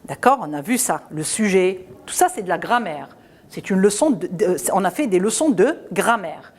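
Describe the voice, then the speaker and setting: Woman, teacher, children's lesson, patient, spells out sounds, animated pitch. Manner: patient, asks children questions; slow, spells out letters and sounds.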